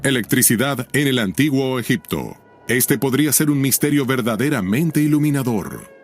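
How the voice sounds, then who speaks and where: A man delivers scripted narration in the manner of a nature documentary. His medium-pitched voice is dramatic and intriguing, leaning into questions, with music playing behind him. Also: animated, moderate pace.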